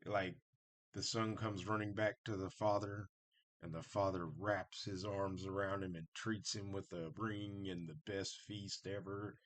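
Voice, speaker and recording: He's a vlogger discussing Satanism with viewers in an off-the-cuff, rambling way, repeating himself but staying blunt. His deep voice barely moves in pitch and has a fairly bright tone. He speaks without hurry.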